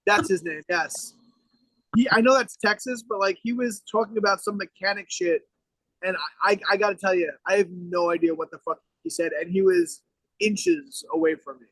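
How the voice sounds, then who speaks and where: A young man with a notably high voice, talking brashly and swearing at every turn as he rambles through a casual podcast chat. The sound is dry and close, with little room around it. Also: normal speed, fairly bright tone, no room sound, low-quality recording. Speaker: podcast co-host. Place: outdoors.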